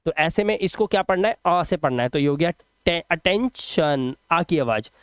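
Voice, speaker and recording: A man teaching English phonics rules in a video lesson, patiently repeating example words slowly and quizzing the viewer. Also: on the high side, lively intonation, smooth, dry recording, clean studio sound.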